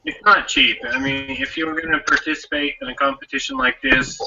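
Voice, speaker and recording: A man hosting a casual podcast chat, talkative and quick to laugh. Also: fairly high pitch, sharp tone, dull audio, faint music behind.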